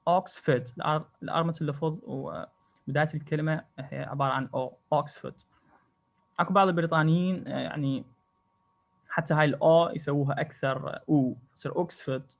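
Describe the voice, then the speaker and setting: A man with an Iraqi Arabic accent, teaching an online English lecture and switching between Arabic and English, with slow, careful English. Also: on the high side. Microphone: video call.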